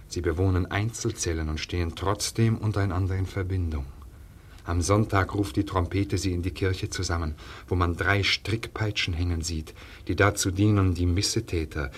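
A man with a low, husky voice reads a first-person literary monologue aloud. His delivery is measured, solemn and dramatic, at times dropping to a hush.

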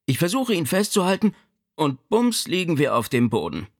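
Brief: a man playing a brisk, pragmatic older mother, raised pitch, animated storytelling.

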